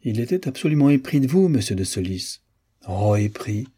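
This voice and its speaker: A man's voice: medium pitch, big pitch swings, moderate pace, warm tone, slightly rough. A man voicing a chatty, teasing young American society woman in an audiobook, playful and lightly mocking. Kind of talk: audiobook character voice.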